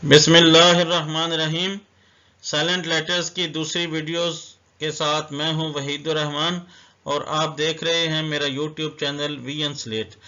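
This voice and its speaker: A man's voice: on the high side, pushed and bright, highs cut off. A man teaching a vocabulary lesson. He spells each word letter by letter and explains what it means. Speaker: English teacher. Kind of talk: slow, deliberate vocabulary lesson.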